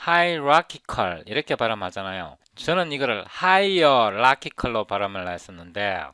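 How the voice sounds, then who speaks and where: A man in his fifties explaining English pronunciation in a casual tutorial, repeating words slowly to show how they sound. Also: lowish voice, very animated, pushed and bright, no echo. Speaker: software developer teaching English pronunciation. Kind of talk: casual screen-recorded tutorial.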